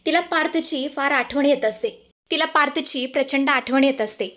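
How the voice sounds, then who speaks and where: A woman's voice: high-pitched, moderate pace, fairly bright tone. A woman dramatically narrating a TV serial episode recap. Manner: dramatic, repetitive storytelling.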